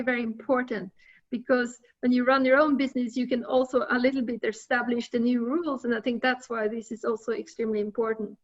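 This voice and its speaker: A woman's voice: on the high side, dull audio. A woman from Norway, an English speaker, giving a seminar talk in an earnest way, with many fillers and repeated words. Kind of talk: conference talk.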